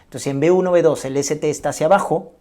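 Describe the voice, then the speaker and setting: Low, mellow-voiced woman lecturing. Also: quick pace. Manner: didactic, repeats key points with frequent checks like "¿ya?". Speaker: medical lecturer. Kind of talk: medical lecture on ECG and cardiac markers.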